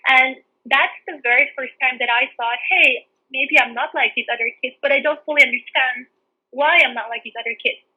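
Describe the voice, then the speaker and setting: Young woman from the Netherlands, high husky voice, earnest storyteller, lo-fi audio. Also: steady tone, normal speed. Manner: reflective, earnest, frequent restarts. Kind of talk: candid personal storytelling.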